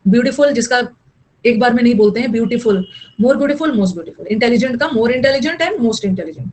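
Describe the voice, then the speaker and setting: A woman's voice: fairly high pitch, animated, normal speed, a little mellow, a little hiss or hum, poor audio. A young woman teaching an online English grammar class, mixing explanation with chatty scolding asides to her students.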